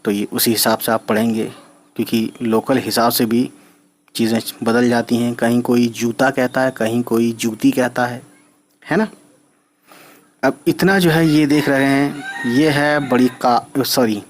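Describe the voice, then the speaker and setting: Slow, patient man teaching reading. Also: mid-range voice, fairly even intonation. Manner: patient, spells letters out slowly, often asks "right?". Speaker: Urdu teacher. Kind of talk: reading lesson.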